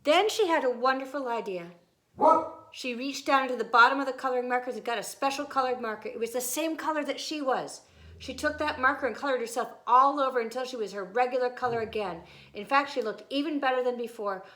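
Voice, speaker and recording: With a voice that sits high, a woman teacher reads a picture book to children. Her reading is emphatic and expressive, punctuated by asides to the young listeners.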